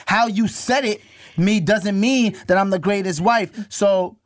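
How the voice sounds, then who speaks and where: A man in his thirties, co-hosting a casual couples podcast, teasing and dropping into a low, soothing tone to make his points. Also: unhurried, dry recording, clean studio sound. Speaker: podcast co-host.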